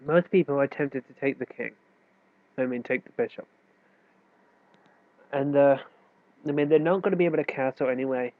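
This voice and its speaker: A man with a cold speaks in a stuffy, nasal, medium-pitched voice at a moderate pace, leaving long pauses. He gives a casual chess tutorial, explaining moves loosely and correcting himself, on a dry, tinny, phone-like recording.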